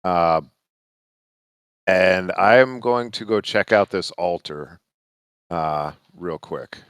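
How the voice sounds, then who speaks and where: A man role-playing casually in a tabletop fantasy game, with a halting, mild-mannered way of talking. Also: deep voice, a bit bright, clear, resonant tone, no room sound. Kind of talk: casual in-character role-play.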